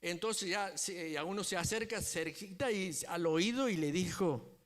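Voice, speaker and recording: A man's voice: sits high, unhurried, fairly bright tone. A man preaching a sermon as a pastor, telling a story and often checking in with the congregation. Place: church.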